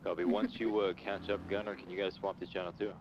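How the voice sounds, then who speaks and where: A man calling for backup over a walkie-talkie radio, brisk and clipped in police radio style. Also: sits low, flat delivery, a crowd in the background. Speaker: police officer in a roleplay. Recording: dull, muffled radio with loud noise.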